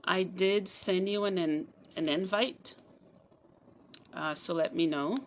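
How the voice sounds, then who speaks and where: Slow-talking woman hosting a live chat. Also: fairly low pitch, slight background noise. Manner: chatty, laughs often, soft-spoken at the start. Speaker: podcast host. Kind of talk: casual live-stream chat. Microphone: phone on a live video call.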